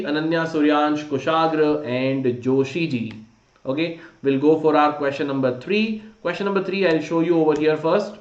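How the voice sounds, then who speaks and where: An Indian man with a fairly high voice runs a live online lesson. He speaks informally, urging students on and slipping Hindi phrases into English. The sound is slightly dull, with a strong room echo. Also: darkish tone. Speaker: online maths teacher. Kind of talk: live online class quiz, teaching. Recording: dull, roomy, echoey sound.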